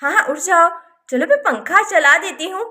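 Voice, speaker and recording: A caring young village woman voiced by a woman speaks politely and gently in a very high, bright voice. She soothes and looks after everyone around her. It is a doll-story voice, barely acted. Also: animated, normal speed, full character voice. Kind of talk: Hindi doll-story voice acting.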